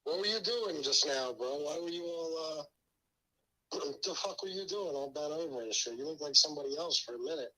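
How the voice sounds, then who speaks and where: Middle-aged guy on speakerphone, mouth numb from the dentist, super bright sharp tone, blunt and swearing a lot. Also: a little high, fairly quick, poor audio. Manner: blunt and profane, repeating himself. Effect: heard over a speakerphone. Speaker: caller. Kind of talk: casual call-in chat.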